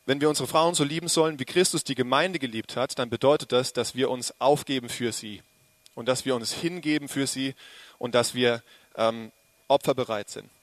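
A man preaching a sermon to a congregation, lively and joking, speaking to them directly. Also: medium pitch, moderate pace, no room sound.

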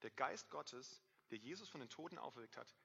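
A man in his thirties preaching a sermon to a congregation, lively, swinging between loud emphasis and quiet asides. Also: medium pitch, fairly quick, vocal fry, breathy edge. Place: church hall. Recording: dull, reverberant hall sound.

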